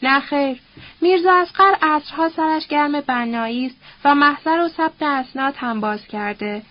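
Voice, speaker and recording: Woman voicing a calm, reserved young man. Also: high-pitched, no room sound, lo-fi sound, lightly acted. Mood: restrained.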